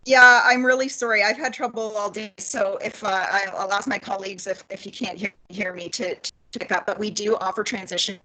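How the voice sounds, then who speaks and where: A woman's voice: medium pitch, fairly even intonation, sharp tone, rough recording. Woman on a choppy, cutting-out video call. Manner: hesitant, halting, frequent fillers. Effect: choppy audio cutting out on a bad connection. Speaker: school board staff member. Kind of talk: online meeting discussion.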